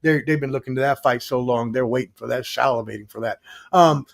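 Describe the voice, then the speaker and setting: A man's voice: medium pitch, brisk, vocal fry. A man appearing as a guest sports analyst on a casual podcast over a video call, talking conversationally and emphatically as he makes his points.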